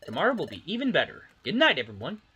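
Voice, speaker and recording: A player reading video game dialogue aloud with casual, expressive delivery. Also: medium pitch, fast talker, faint music behind.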